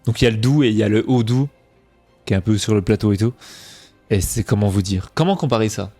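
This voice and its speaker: A man's voice: lowish voice, fast, warm tone, soft background music. A young man from Franche-Comté with a faint Franc-Comtois French accent, chatting casually with his stream chat and mocking himself. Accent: slight Franc-Comtois French.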